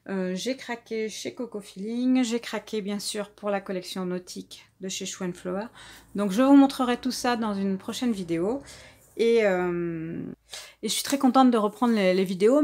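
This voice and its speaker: A woman vlogger from France casually showing her new craft supplies, talking hesitantly with many pauses and restarts. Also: medium pitch, a little mellow. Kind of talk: casual haul presentation.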